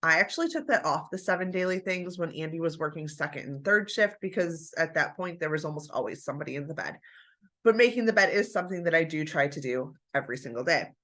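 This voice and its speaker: A homemaking vlogger with a deep yet fairly bright voice talks fast with lively intonation, her nose stuffy after the flu. Chatting casually to camera about home routines, she's encouraging and calls her viewers "you guys."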